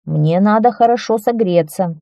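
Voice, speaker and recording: A woman voicing a selfish young schoolboy in a children's story, loudly making excuses. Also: medium pitch, moderate pace, gravelly, no room sound, studio quality, natural voice. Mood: defensive. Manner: loud, defensive, excuse-making.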